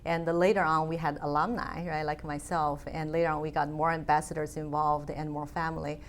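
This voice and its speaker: A woman from China, a guest in a conversational interview, speaks thoughtfully with frequent fillers. Her voice sits low, with a flat delivery and a brisk pace.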